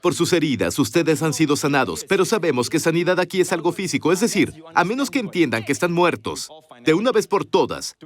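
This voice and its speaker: Man, dubbed sermon, emphatic preaching, rhetorical questions, somewhat high pitch, studio voice-over. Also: big pitch swings, brisk.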